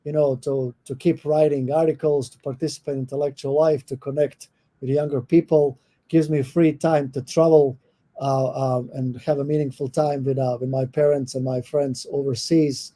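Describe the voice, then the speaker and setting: A middle-aged man from Croatia with a Croatian accent, a professor answering podcast interview questions thoughtfully, often pausing with fillers and restarting. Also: mid-range voice, level tone, dark tone. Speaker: guest professor.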